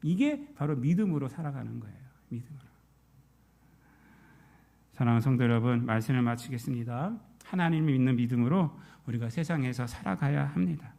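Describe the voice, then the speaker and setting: A man preaching a Sunday sermon as pastor, questioning his congregation and swinging between loud emphatic peaks and soft low asides. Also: expressive, a little fast, gravelly.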